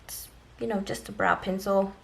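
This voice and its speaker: A woman's voice: mid-range voice, fairly even intonation, moderate pace, creaky. A woman talking casually and directly to viewers as a beauty vlogger, giving an informal shopping haul review.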